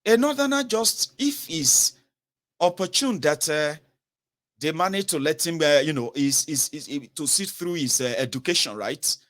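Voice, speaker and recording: A man's voice: on the high side, animated, moderate pace, fairly bright tone. A Nigerian man in his thirties with a southern Nigerian accent, speaking straight to the viewer in an emphatic political commentary and slipping into pidgin phrases. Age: 30s. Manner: emphatic, questions the viewer directly, mixes in pidgin. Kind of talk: direct-to-camera commentary.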